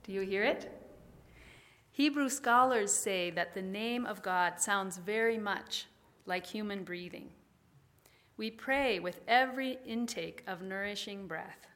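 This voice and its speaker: Woman pastor giving a sermon, slow steady voice, talks folks through breathing. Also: medium pitch. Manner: calm, measured, guides listeners through breathing exercises.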